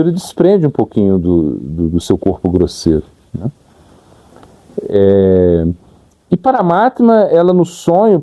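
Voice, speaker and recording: Brazilian monk guy, middle-aged, very mellow dark voice, bouncy up-and-down delivery, lots of restarts and fillers. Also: medium pitch. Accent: Brazilian Portuguese. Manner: lively, hesitant, many restarts and fillers. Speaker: monk giving a spiritual talk. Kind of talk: informal spiritual talk.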